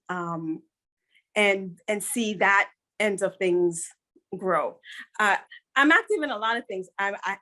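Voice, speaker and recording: A middle-aged Guyanese woman, a business consultant appearing as a guest on an interview podcast, speaks in a mid-range, fairly bright voice. Her manner is earnest and upbeat, and she repeats points for emphasis.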